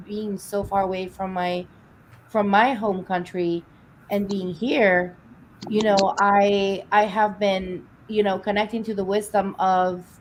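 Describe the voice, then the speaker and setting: A woman's voice: medium pitch, a little hiss or hum, poor audio. A woman from Venezuela in a casual group chat, speaking reflectively with frequent restarts. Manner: halting, restarts often, reflective. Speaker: chat participant.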